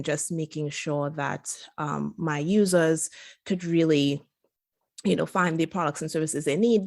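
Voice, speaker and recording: A woman from Trinidad and Tobago talks as a guest in a relaxed interview. Her voice sits low and has a gravelly fry to it. She chats easily, laughs often and fills pauses with "you know" and "um". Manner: chatty, laughs often, many fillers. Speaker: guest physician. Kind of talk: casual interview conversation.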